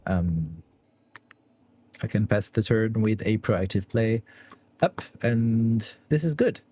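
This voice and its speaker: Husky and dark-toned, this young Frenchman speaks slowly at a fairly low pitch while streaming a card game. He talks through his options online, frequently breaking into laughter.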